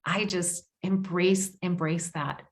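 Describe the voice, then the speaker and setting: A woman's voice: on the low side, fairly even intonation, slow. A woman guest speaking earnestly in an interview, often repeating words for emphasis. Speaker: podcast guest. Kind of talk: heartfelt interview conversation.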